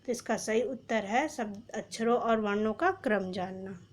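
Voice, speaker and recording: A woman's voice: medium pitch, normal speed. A woman teacher giving an exam prep lesson, reading out quiz questions, numbering each option and then announcing the correct answer.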